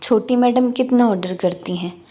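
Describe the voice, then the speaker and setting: A woman's voice: a little high, normal speed, dark tone, lightly acted. Brief: woman reading as familiar, talkative old family maid, storybook. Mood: chatty. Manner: chatty, familiar. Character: long-serving friendly household maid.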